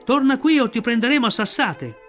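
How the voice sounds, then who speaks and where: A man voicing an angry village mob, shouting shrilly in an audiobook. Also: extremely high pitch, lively intonation, fairly quick, faint music behind, voice pushed up. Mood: hostile.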